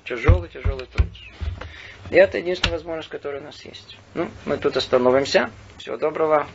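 A rabbi teaching a Torah lesson, his somewhat high voice gravelly with fry. He speaks reflectively, pausing and hunting for words. The recording sounds a little dull and lo-fi, with a faint hum of ambience behind him. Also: over music. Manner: thoughtful, searching for words with many pauses and fillers.

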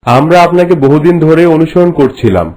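A man's somewhat high, darkish voice carries lively intonation at a fairly quick pace, lightly acted, in a rough recording with a music bed. He plays a reverent cartoon courtier who solemnly and formally explains things to his queen in scripted narration.

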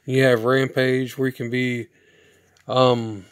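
Hoarse man with a flat, rambling voice. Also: medium pitch, unhurried, dry recording. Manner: rambling, flat delivery with restarts. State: hoarse from sinuses. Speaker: product reviewer. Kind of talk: casual video review.

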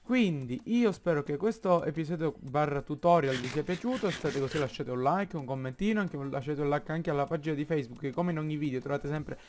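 A man with an Italian accent commenting on his own Minecraft play, slow and halting, thinking aloud with many fillers. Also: fairly high pitch, a little mellow, slight background noise. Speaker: gaming YouTuber.

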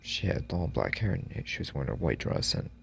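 Male horror storyteller, extremely deep and gravelly, halting, hushed whispers. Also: very animated, slight background noise. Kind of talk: first-person horror story narration.

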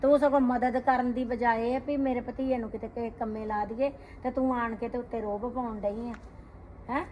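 An actress playing a middle-aged sister-in-law who scolds with indignant rhetorical questions, speaking Punjabi-accented. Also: female voice, a little high, steady tone, moderate pace, darkish tone, slight background noise, natural voice. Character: sister-in-law defending her household, middle-aged woman. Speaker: actor in a family drama. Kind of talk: scripted short film acting.

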